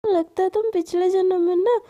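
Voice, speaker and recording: A woman's voice: very high voice, fairly even intonation, normal speed, dark tone, dull audio. A woman voicing a hot-tempered, jealous young woman who snaps back with sulky retorts. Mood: snappy. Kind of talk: storytelling role-play.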